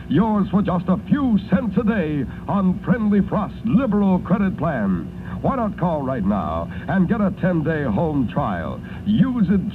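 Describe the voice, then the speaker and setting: Casting: American male announcer, chipper 1950s ad read, higher-pitched and lively, on tinny old radio. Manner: upbeat sales patter. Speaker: radio disc jockey and announcer. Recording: noisy, tinny vintage radio broadcast recording.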